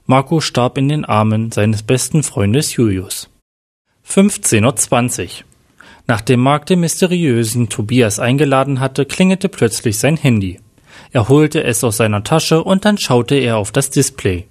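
A man narrating a story with plain, steady reading. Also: medium pitch, unhurried. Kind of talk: read-aloud story narration.

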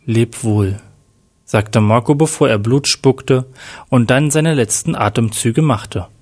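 Man, storyteller, plain steady reading, mid pitch. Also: measured pace, slightly rough. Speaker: narrator. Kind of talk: read-aloud story narration.

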